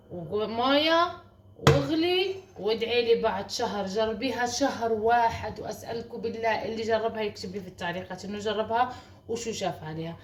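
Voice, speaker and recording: Chatty fast-talking woman from Morocco, echoey kitchen. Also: mid-range voice, a little hiss or hum. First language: Moroccan Arabic. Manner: chatty, repeats words, coaxing viewers with endearments. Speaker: home recipe vlogger. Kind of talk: casual chatty home tutorial. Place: home kitchen. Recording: roomy echo, voice heard from a distance.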